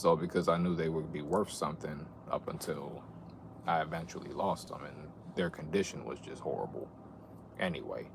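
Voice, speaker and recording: A young adult man chatting casually on a livestream, reminiscing in a laid-back, slangy, rambling way with some swearing. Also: low-pitched. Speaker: streamer. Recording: clear background noise.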